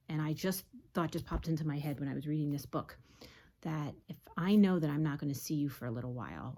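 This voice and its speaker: A teacher reading a picture book aloud to young children, pausing to ask them questions and often dropping into a soft whisper. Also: female voice, deep voice, breathy edge. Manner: gentle, asks listeners questions, drops to whispers. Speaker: teacher reading to her class.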